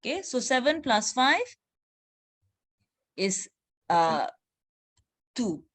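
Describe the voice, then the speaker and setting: A woman chemistry teacher running an online revision class, quizzing students briskly and saying "okay" often. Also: a little high, very animated, fairly bright tone.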